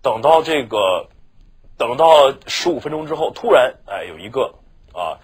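A man's voice: mid-range voice, big pitch swings, measured pace, breathy edge. A male teacher giving a chatty exam-prep lecture, often checking with his students for agreement. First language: Mandarin Chinese. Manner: chatty, keeps asking "是吧" for agreement.

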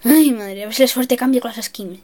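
Excitable young woman. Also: a little high, fairly quick. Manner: excitable, self-mocking, shrieks and mutters. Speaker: gaming youtuber. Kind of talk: casual gameplay commentary.

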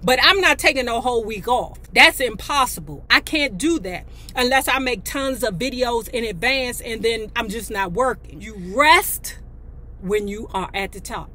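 An American video host in her fifties, speaking from inside a parked car, reads things aloud and offers blunt, sassy, laid-back commentary. She talks at a normal speed, her voice on the high side with a sharp tone.

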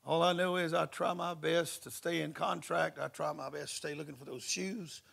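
A male preacher tells a story in a folksy, lively way. His voice is heavily gravelly and husky, and it sits a little high for a man. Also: normal speed. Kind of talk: sermon with storytelling. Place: church service.

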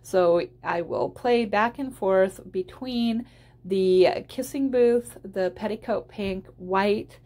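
A woman's voice: mid-range voice, darkish tone. A woman giving a casual instructional voice-over as a tutorial host, explaining step by step in an encouraging way.

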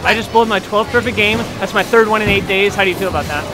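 A man's voice: high voice, racing, rough recording. A man filming and playfully interviewing friends at a busy bowling alley. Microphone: handheld camera. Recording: loud music and crowd behind.

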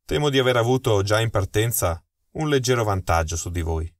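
A man voicing a calm, amused detective in an audiobook mystery, unruffled and dryly chuckling. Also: lowish voice, a little fast, dry recording, natural voice. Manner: unflappable, dry chuckle. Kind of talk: audiobook dialogue.

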